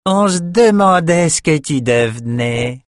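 A man's voice: high-pitched, moderate pace, dry recording, studio quality, pitched above the performer's own voice, close to an everyday voice. A man voicing a sneering, whiny young lout in a storybook reading.

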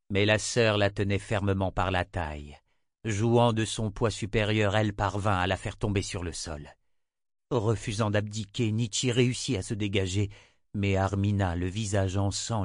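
Male audiobook narrator with a low voice, steady measured read, dry booth sound. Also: no echo. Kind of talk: scripted narration.

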